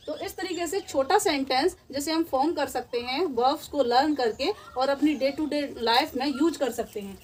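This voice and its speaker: A woman teacher, explaining short sentences step by step and repeating each phrase slowly. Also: high-pitched, slight background noise. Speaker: English teacher. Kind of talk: spoken English lesson.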